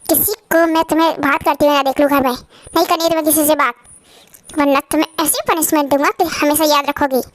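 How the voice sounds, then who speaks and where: Woman playing a jealous young husband in a fan dub, commanding and threatening, pitched well below her own high voice, dry close sound. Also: steady tone, quick pace, dry recording, lightly acted. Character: cold, possessive young husband.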